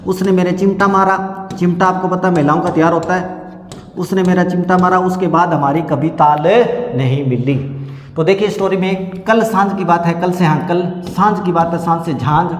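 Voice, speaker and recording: A man teaching an exam-prep lesson. He repeats a memory-trick story slowly and explains each word. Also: high voice. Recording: echoey room with long reverb.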